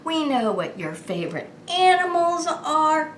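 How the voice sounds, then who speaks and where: With a high-pitched, very animated voice at a measured pace, a children's show host gives a birthday greeting full of over-the-top, sing-song party cheer. She asks questions and responds as if the child answered her, and the recording has room echo and faint background noise.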